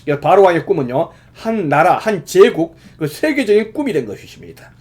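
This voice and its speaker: Man, pastor, sermon, lively pitch, slightly high voice, emphatic rises. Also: a little fast. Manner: explanatory preaching with many fillers, rising emphatically at key points.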